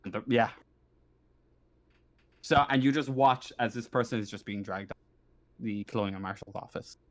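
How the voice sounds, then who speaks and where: A man serving as game master improvises the narration of a tabletop roleplaying game, stammering and repeating words as he haltingly goes along. His pitch is fairly low.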